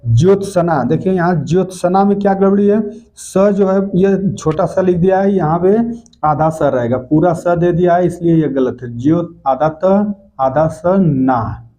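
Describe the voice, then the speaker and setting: Man teaching spelling, slow and repetitive. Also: sits high, dark tone. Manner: explains step by step, repeats each correct word slowly. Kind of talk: spelling lesson lecture. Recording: dull lo-fi recording.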